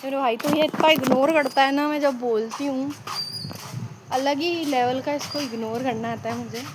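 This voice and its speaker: A woman's voice: high voice, fairly even intonation, moderate pace. A young woman vlogging casually on her phone, chatting straight to her viewers and laughing often. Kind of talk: casual vlog chat. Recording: loud background noise.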